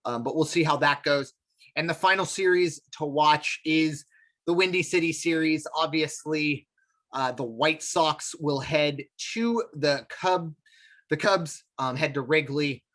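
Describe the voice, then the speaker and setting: A man co-hosting a sports podcast in a slightly higher register. He talks in loose, rambling stretches, restarting sentences and padding them with "um" and "obviously.". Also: unhurried, a bit bright. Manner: rambling, many fillers and restarts. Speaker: podcast co-host. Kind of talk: casual sports talk.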